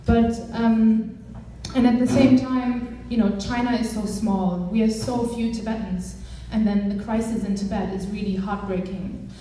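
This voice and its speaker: A young woman gives an earnest, conversational speech in a mellow, warm voice, pitched a little high. She is heard from well back in a large room with strong echo. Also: level tone, unhurried, slight background noise. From Germany. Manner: earnest and conversational, with many fillers. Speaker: campaigns director. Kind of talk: speech to a live audience. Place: large echoey hall. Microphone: far from the mic. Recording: echoey hall, voice from far off.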